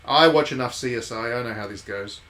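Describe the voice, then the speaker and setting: A game streamer who once worked as a journalist talks casually over live play, making wry, playful asides and reading some on-screen text. He speaks briskly in a mid-range voice with a sharp tone. There's clear background noise.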